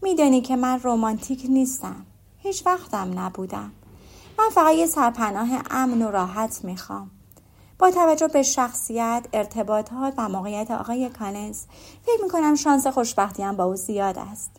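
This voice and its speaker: A woman reading the lines of a calm, practical young woman in an audiobook, in a matter-of-fact way. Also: on the high side.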